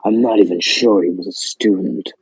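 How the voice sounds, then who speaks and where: A man with a gravelly, husky voice reads a horror story in a playful spooky manner, sweary and irreverent, with joking asides. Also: low voice, fairly even intonation, normal speed, a little mellow, low-quality recording. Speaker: host reading a spooky story. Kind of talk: scripted horror narration broken by casual joking asides.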